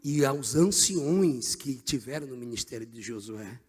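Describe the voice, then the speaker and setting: A middle-aged male pastor preaching a Pentecostal sermon, swinging from hushed passages to shouted climaxes. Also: mid-range voice, animated, measured pace, slightly rough, big-room sound.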